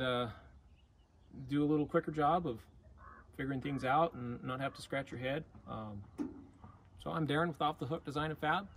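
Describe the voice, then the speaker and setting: A man's voice: medium pitch, fairly bright tone, slight background noise. A middle-aged man giving a hands-on welding lesson in an outdoor work yard, explaining step by step in a plain, practical way, recorded on a nearby phone camera. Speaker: welding instructor. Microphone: phone camera held nearby.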